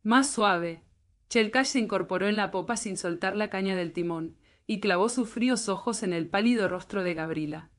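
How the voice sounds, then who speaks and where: Brief: woman narrator, calm sleep-story reading, middle pitch, soothing. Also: fairly quick, hardly any pauses. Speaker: audiobook narrator.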